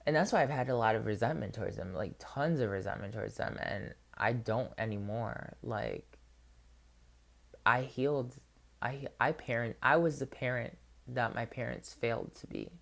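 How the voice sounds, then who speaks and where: A man's voice: mid-range voice, expressive, normal speed, gravelly, fairly bright tone. Earnest man sharing a personal testimony. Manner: earnest, heartfelt, heavy with filler words; candid and open. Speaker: spiritual healer.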